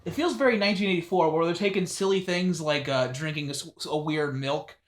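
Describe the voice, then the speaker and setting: A man co-hosting a podcast in casual chat, talking in halting bursts with many restarts and blunt swearing. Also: fairly high pitch. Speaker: podcast co-host. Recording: roomy echo.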